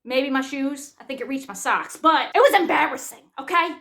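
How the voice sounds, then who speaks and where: A woman comedian telling a story in an animated, profane, punchy way. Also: high-pitched, normal speed. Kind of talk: comic storytelling.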